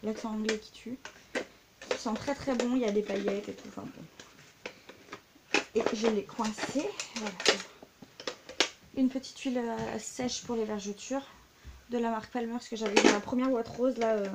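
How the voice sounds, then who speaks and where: A woman's voice: a little high, steady tone, moderate pace, very noisy. A young adult woman chatting casually in a show-and-tell vlog, full of fillers and side remarks. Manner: chatty, many fillers and asides. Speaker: vlogger.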